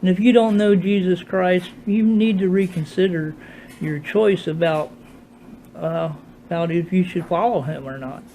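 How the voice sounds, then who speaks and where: An older man speaks in a mellow, slightly high voice. His speech is toothless and a little slurred, as if his dentures are out. He rambles in a folksy, devout way, like a casual home vlog, with faint noise behind him. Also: measured pace, poor audio. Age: older, retired. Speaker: motorcyclist video blogger. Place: at home while getting dressed.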